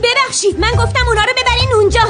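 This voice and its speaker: A woman's voice: very high voice, steady tone, loud music behind the voice. A woman playing a stressed young woman running a guesthouse in a dubbed TV drama, making frantic complaints.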